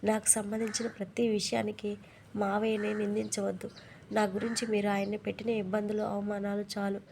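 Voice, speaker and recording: A woman voicing a calm, stubborn young wife who earnestly pleads with her family. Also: mid-range voice, fairly quick, gravelly, slight background noise, lightly acted. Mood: pleading.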